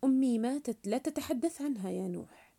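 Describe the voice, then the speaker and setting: A woman voicing a gentle, grieving young orphan boy who speaks in a sorrowful, pleading way in a storybook reading. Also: sits high, expressive, fairly quick, vocal fry, full character voice.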